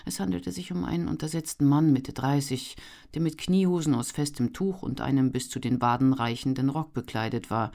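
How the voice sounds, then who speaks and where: An audiobook narrator reading a historical novel with measured pacing and expressive storytelling. The voice sits at a middle pitch and carries the scene calmly. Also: gravelly.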